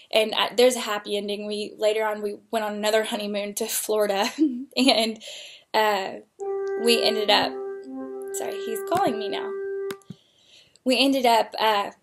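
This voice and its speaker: A young woman telling her personal story candidly and emotionally, with frequent fillers. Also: fairly high pitch. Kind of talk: personal testimony.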